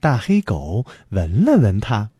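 A man reads a children's picture book aloud, and his voice leaps up and down very expressively. His tone is mellow and a little husky. The recording is close and dry, with no room echo. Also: lowish voice, unhurried. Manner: lively, warm storyteller's delivery. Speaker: storyteller. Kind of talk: children's story reading.

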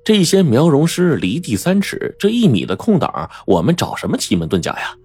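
A man narrating a first-person adventure audiobook in a dramatic, animated manner. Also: lowish voice, breathy edge, no echo.

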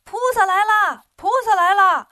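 A boastful male monkey king, as a woman storyteller puts him on, swaggering and teasing with little snorts. The voice sits high and bright. It is heard close and dry, with no room around it. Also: animated, moderate pace, dry recording, natural voice. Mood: shouting.

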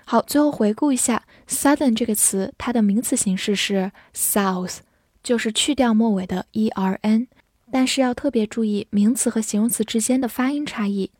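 A woman teaching English vocabulary in a clear, patient way, spelling out words and reading model sentences slowly. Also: a little high, a little mellow, no room sound, clean studio sound. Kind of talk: vocabulary lesson.

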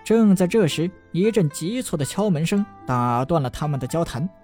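A man's voice: a little high, lively intonation, normal speed, a little mellow. A man narrating a fantasy novel as an audiobook, stretching out the particles at the ends of his sentences in a storytelling way. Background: faint background music.

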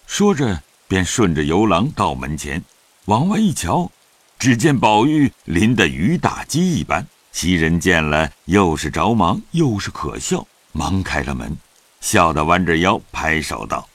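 A man narrating a classic novel in an audio drama, in an expressive storytelling manner. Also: sits low, measured pace, no room sound.

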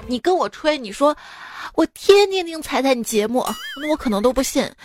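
Over a music bed, a young woman reads jokes on her radio show, teasing the listener and cracking up at her own material. She speaks a little fast in a high voice with lively intonation, and there's slight background noise.

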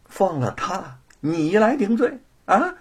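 Guy doing a frantic cowardly prefect, whiny, huge swoops in pitch, husky. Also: sing-song, slow, full character voice. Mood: panicked, fretful. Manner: wailing, whimpering, sighing. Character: flustered cowardly middle-aged male prefect.

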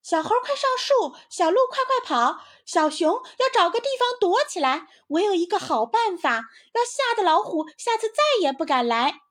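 A woman voicing a small, clever young squirrel in a children's storybook, with a high, excited, pleading voice. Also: moderate pace. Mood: urgent shouting.

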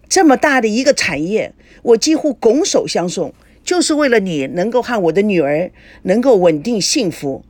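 A woman's voice: mid-range voice, no echo, lightly acted. A woman voicing a stern, pushy middle-aged father in a novel reading, lecturing and domineering.

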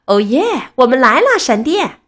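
A goofy male tow truck from a children's storybook, bouncing with glee and calling out loudly in a voice pitched well up, as a woman reads him out. His lines leap high and swing wildly. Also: normal speed, slightly rough, heavily acted. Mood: excited. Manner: excited shouting, upbeat.

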